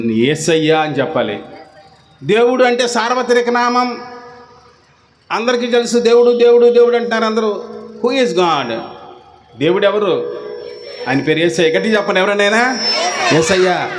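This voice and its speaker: Preaching with a Telugu accent, this man's voice is very high-pitched, and a little hiss or hum runs through the audio. As pastor, he peppers the congregation with rhetorical questions and keeps pressing them to respond.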